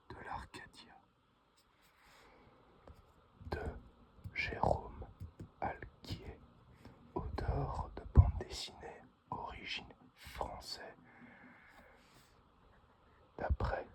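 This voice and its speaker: Male ASMR unboxing host: breathy whisper right in the ear, extremely slow delivery. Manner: slow, halting short phrases.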